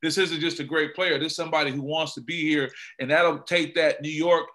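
Bright-voiced man hosting a sports talk show. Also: fairly high pitch, fairly even intonation, fairly quick. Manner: conversational, emphatic. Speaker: podcast host.

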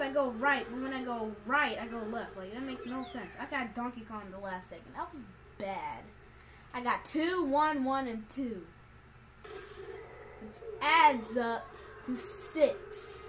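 High-voiced woman doing game commentary. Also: background noise. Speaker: gaming video player. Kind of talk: casual let's play commentary. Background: video game music.

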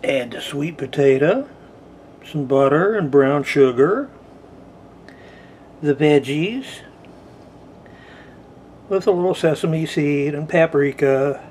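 Slow, easygoing man cooking at home. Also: a little high, a little mellow, slight background noise. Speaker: home cook. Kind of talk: casual cooking narration. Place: home kitchen.

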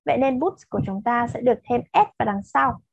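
A woman's voice: a little high, animated, fast, gravelly, slightly rough, dry recording, muffled recording. A woman with a Vietnamese accent teaching English to children, patiently mixing Vietnamese explanations with repeated English drill words. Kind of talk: slow lesson with repeated pronunciation drills.

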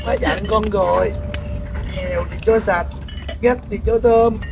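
A woman's voice: mid-range voice, fairly even intonation, unhurried, gravelly. A middle-aged woman playing a poor mother who reproaches her daughter and pleads for her. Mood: reproachful. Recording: noisy outdoor background.

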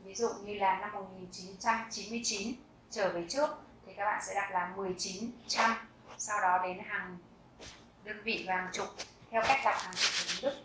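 A woman in her thirties giving a language lesson, repeating each example phrase slowly and deliberately. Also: mid-range voice, fairly even intonation, far from the mic, noisy background. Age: 30s. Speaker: German teacher. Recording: very echoey room.

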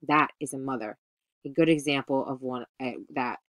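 A woman's voice: very deep voice, steady tone, moderate pace, fairly bright tone, no echo. Captain Hook, read by a woman, a brooding pirate. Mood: gloomy. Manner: commanding, then melancholy. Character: vain, brooding adult male pirate captain.

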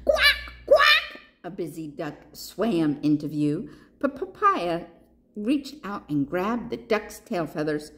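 A woman librarian reading a picture book aloud to children in an expressive way, pausing to ask her listeners questions. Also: on the low side.

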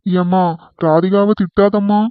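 A man voicing an easygoing young husband in a cartoon comedy, mild and pleading as he tries to calm things down. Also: sits high, a little slow, smooth, no echo. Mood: placating. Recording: tinny phone-like sound.

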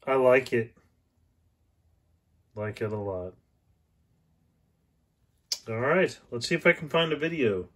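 A man's voice: medium pitch, animated, slow, long pauses, low-quality recording. A man hosting a casual watch unboxing and review, thinking aloud with frequent fillers.

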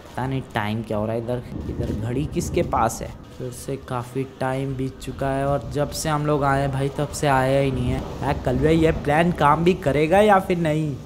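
A young man doing game role-play commentary, swinging from hushed talk to loud excited shouting. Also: medium pitch, moderate pace, few pauses, background noise. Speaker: gaming YouTuber.

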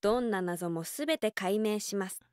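A woman voicing a cheerful, breezy young female detective in a video game, with a bright, lively delivery. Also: medium pitch, moderate pace, clean tone, no room sound, clean studio sound, natural voice. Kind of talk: game voice acting.

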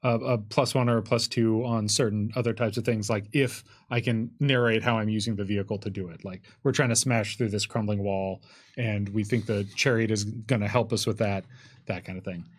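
A game designer in his thirties answers rules questions in a casual panel setting, speaking a little fast in a fairly low voice with fairly even intonation. His explanations are conversational and hedging, full of asides. He sits at an indoor studio table before a curtain backdrop, with a tabletop microphone on a stand.

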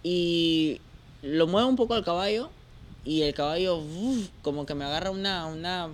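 A man's voice: on the high side, normal speed. A man, a jockey guest on a studio panel, speaking hesitantly and restarting often. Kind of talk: casual studio chat.

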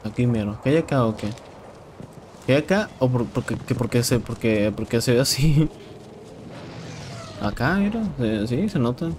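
A young man with a Mexican accent giving casual, excitable commentary while playing a shooter game, swearing and repeating words. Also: mid-range voice, normal speed, pauses often. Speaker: gameplay streamer. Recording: game sounds and noise in background.

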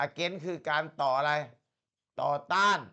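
A man tutoring English one-on-one, explaining in Thai and reading English slowly and carefully, with steady encouragement. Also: on the high side, vocal fry.

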